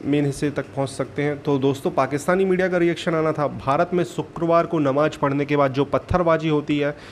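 A man's voice: a little high, fairly even intonation, brisk, slight background noise. A man hosting a reaction channel who talks to his viewers in rambling, casual commentary full of fillers.

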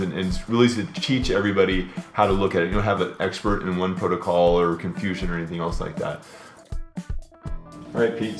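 A middle-aged man hosting a casual cooking show in a home kitchen, explaining in a relaxed way. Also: deep voice, roomy sound. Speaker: host.

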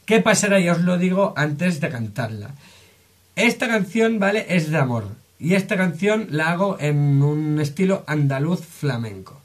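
A man's voice: on the high side, slightly rough. A man with a Spain Spanish accent, explaining ideas in a chatty vlog and often asking rhetorical questions. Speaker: music and psychology video creator.

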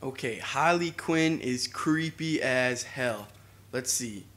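A man's voice: medium pitch, takes it slowly, a bit bright. A young man giving casual let's play commentary, playful and boastful, often exclaiming as he plays. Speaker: gamer.

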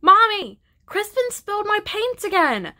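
A woman voicing a bossy, excitable little girl in a storybook read-aloud. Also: high voice, a little slow, exaggerated voice. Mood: whiny.

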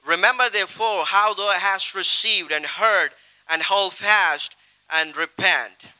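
A man's voice: high-pitched, slow pace, bright, forceful tone, smooth, rough recording. A middle-aged man, an evangelist, seated on a stage reciting a long Bible passage from memory into a handheld microphone in a solemn, declamatory way with emphatic rises.

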